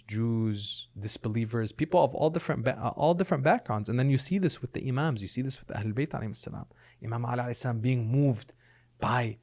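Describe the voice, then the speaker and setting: A man's voice: mid-range voice, dark tone. A middle-aged man, raised in Lebanon and the United States, speaking as a guest in a podcast interview. He explains his points earnestly and often checks in with "right?".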